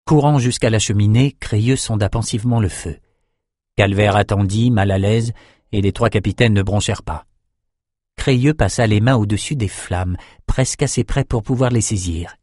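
A male narrator reading a dark fantasy novel aloud with measured storytelling. His voice sits somewhat low and comes across dry and close to the mic. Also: no echo. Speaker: audiobook narrator.

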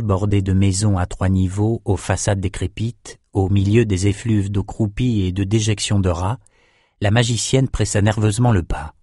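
Male audiobook narrator, low voice, steady, measured, dry close sound. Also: no room sound. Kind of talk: scripted fantasy narration.

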